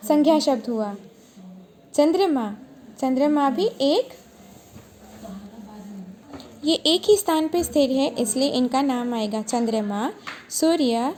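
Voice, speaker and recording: A woman's voice: high voice, darkish tone. A woman teacher giving a recorded grammar lesson, asking questions and then answering them herself.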